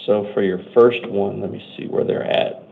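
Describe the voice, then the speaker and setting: An American man speaking as a judge at a hearing, making procedural courtroom announcements in a brisk, matter-of-fact, routine way. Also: fairly low pitch, steady tone, gravelly, slight background noise. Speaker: judge or commissioner at initial appearance hearings. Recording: muffled phone-like courtroom audio.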